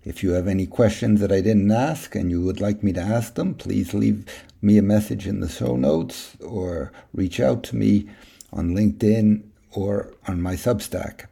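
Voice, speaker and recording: A man hosting a podcast, reading his questions and closing notes in a plain, unhurried way. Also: fairly low pitch, gravelly, mellow, breathy edge. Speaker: podcast host. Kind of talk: podcast interview and outro.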